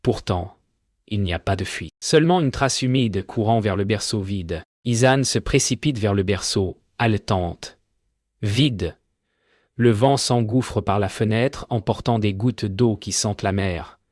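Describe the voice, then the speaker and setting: A man narrating a fairy tale in a solemn, measured way. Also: on the low side, a little mellow, no room sound, clean studio sound. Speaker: storyteller.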